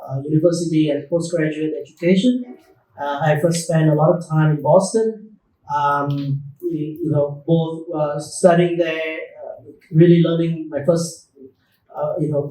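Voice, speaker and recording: A man's voice: fairly high pitch, warm tone, a little hiss or hum. Man speaking from across a roomy office hall. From Vietnam. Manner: halting, measured, with frequent restarts. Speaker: guest executive in a company fireside chat. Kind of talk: casual fireside chat. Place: event room in a company office. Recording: roomy echo, mic far off.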